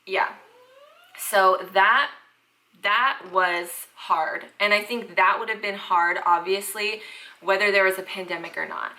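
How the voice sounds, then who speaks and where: With a pushed, bright, medium-pitched voice, a Southern US parenting vlogger talks casually to the camera in a rough recording. She fills her chatter with "like" and "freaking".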